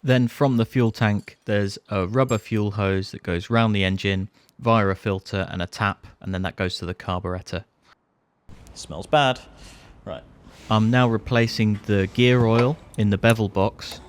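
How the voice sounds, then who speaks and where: Low-pitched British man, understated. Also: fairly even intonation, measured pace, smooth. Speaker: host of restoration video series. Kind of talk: scripted vlog narration with casual asides. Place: barn workshop. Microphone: clip-on lapel mic.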